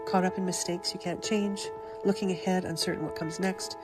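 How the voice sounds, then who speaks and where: A woman delivers scripted, inspirational ad narration at an everyday pitch. Loud music with guitar plays throughout behind her voice. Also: fairly even intonation, brisk. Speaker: advertisement narrator.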